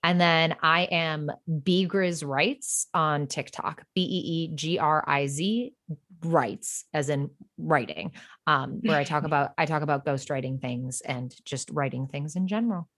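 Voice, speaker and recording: A writer and creator of a fiction podcast appears as a guest, chatting casually. Her voice is low, unhurried and a bit bright, and her phrasing is emphatic and effusive, with lots of "like".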